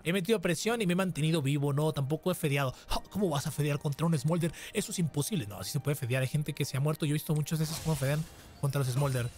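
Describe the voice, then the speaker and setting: Excitable man commentating gameplay. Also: fairly high pitch, fast. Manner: excitable, taunts opponents in a sing-song voice. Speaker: gaming streamer. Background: background music.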